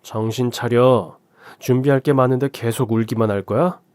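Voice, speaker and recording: A man's voice: mid-range voice, fairly even intonation, moderate pace, a little mellow, smooth, no room sound, close to an everyday voice. A man voicing a callous, scheming husband who speaks curtly and dismissively without feeling. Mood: cold, contemptuous. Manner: curt, dismissive, unfeeling.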